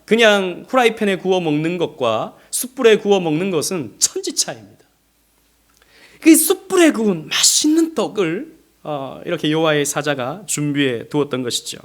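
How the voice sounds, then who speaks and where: A middle-aged man from South Korea preaching a Sunday sermon as pastor, speaking gently and then building to emphatic stresses, sometimes acting out quoted lines. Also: sits high. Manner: gentle, rising to emphatic, acts out quoted speech. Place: church sanctuary.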